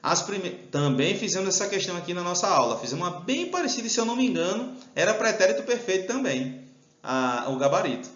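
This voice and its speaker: A man's voice: high-pitched, big pitch swings, fast, a bit bright. A Brazilian man talking through exam questions as a Portuguese teacher, chatty and checking in with his students often. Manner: chatty, checks in with "tá?" and "tudo bem?". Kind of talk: recorded exam walkthrough lesson. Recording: echoey room, dull lo-fi sound.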